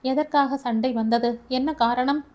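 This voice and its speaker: Caring young man, gentle and coaxing, read by a woman narrator in an audio story, voice on the high side. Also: steady tone, measured pace. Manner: soft, coaxing.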